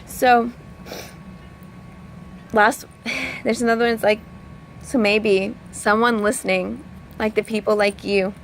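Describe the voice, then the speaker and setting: A woman's voice: mid-range voice, steady tone, takes it slowly, pauses often, slight background noise. A woman coach talking in a casual, earnest way, rambling with lots of filler words and speaking openly about her feelings. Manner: rambling, full of "like" and "you know". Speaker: personal development coach. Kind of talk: casual heartfelt vlog talk.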